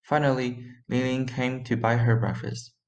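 A man's voice: medium pitch, flat delivery, moderate pace, a little mellow. A teenage boy reading his own historical story aloud for young children, in a plain voice with occasional stumbles. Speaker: student reader.

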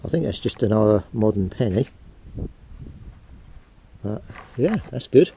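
A man's voice: lowish voice, animated, measured pace, creaky, mellow. A man casually narrating his metal detecting on a beach, chatting and rambling to a head-mounted camera outdoors. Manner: chatty, rambling, talks to camera while digging. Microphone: head-mounted action camera. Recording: wind-buffeted outdoor action-camera audio. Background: wind and sea noise.

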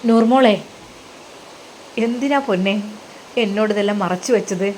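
A woman's voice: mid-range voice, moderate pace, a little mellow, reverberant, in a large hall, a little hiss or hum, natural voice, low-quality recording. A woman voicing a devoted male religious teacher who firmly consoles his frightened wife. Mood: firm consoling. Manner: firm, consoling, determined.

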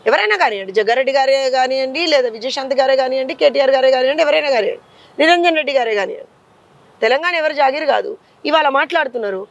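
A woman party leader with a Telangana Telugu accent fires off rapid rhetorical questions in a fiery, combative interview. Her voice is high-pitched, and the recording sounds muffled.

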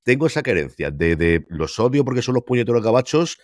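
A man from Spain, working as a TV series critic, co-hosts a laid-back review chat via video call from his home room. His mid-range, darkish voice is very animated and a little fast, full of emphasis and rhetorical questions. Captured on a headset and desk mic, it has no room sound and a clean studio quality.

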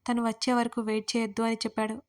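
A woman voicing a young man who speaks plainly and calmly. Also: a little high, rapid-fire, natural voice. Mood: matter-of-fact. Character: young man, a calm, matter-of-fact friend.

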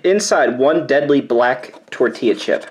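A man's voice: mid-range voice, animated, a little slow. A man doing a spicy chip challenge on his vlog, nervous and sighing as he reads the warnings aloud with wry asides. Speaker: YouTuber doing a food challenge. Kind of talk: casual vlog commentary.

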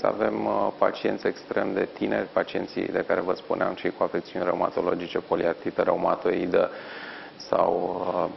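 Speaking live on TV from a hospital ward, a middle-aged orthopedic surgeon answers questions in a measured, explanatory way, pausing often. His voice sits low and gravelly, picked up on a lapel mic with lo-fi sound.

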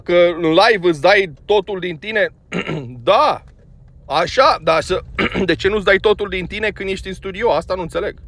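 A man from Romania delivers an opinionated monologue in a voice pitched a little above most men. He talks bluntly and scolds as he goes, with plenty of filler words. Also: a bit bright. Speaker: music commentator.

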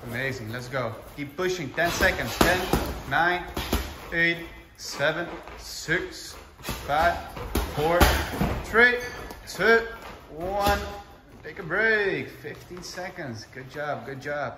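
A man's voice: fairly high pitch, animated, takes it slowly. A man working as a kickboxing coach, giving short, commanding, encouraging cues and countdowns to a class. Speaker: kickboxing coach leading a heavy bag class. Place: indoor kickboxing gym with mats and mirrors. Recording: echoey gym with clear background noise, clicks.

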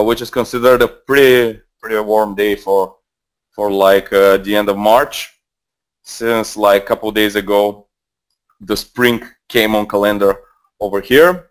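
The audio is poor as a Bulgarian-accented man in his twenties, pitched on the low side, leads a live trading webinar through a headset. He mentors casually, rambling with frequent fillers and restarts.

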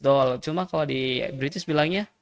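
A man's voice: on the high side, moderate pace. A man, a guest English teacher chatting casually on a podcast, laughing often and demonstrating pronunciations.

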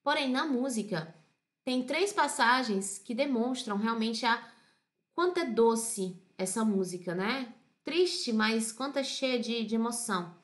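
A woman teaching an Italian lesson, explaining song lyrics and patiently repeating Italian phrases slowly before translating them. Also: a little high, animated.

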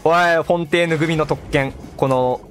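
Male game streamer, higher-pitched, excitable live commentary, exclaiming and echoing game lines. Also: moderate pace. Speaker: gaming streamer. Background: game music and sound effects.

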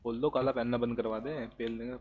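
A man's voice: medium pitch, flat delivery, quick pace, phone-quality sound. Brash, joking male gamer. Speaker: role-play gamer. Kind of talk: casual game role-play chat.

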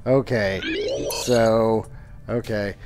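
A man's voice: lowish voice, steady tone, extremely slow, a little mellow, soft background music. A man hosting a VR gaming channel with casual, playful, effusive, chatty commentary.

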